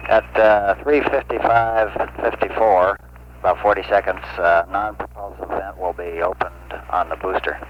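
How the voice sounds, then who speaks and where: A man's voice: low voice, steady tone, moderate pace. Man, mission radio loop voice, clipped procedural calls, muffled, hissy. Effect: air-to-ground radio loop. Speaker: capsule communicator. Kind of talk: terse radio exchange. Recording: muffled archival radio with hiss.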